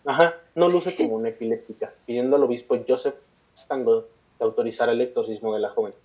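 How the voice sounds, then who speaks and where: A man's voice: medium pitch, fast talker, dark tone. A man with a Mexican accent, a podcast co-host reading a scripted segment between casual banter. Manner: reads long passages, breaks into slangy chat. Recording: dull lo-fi podcast audio.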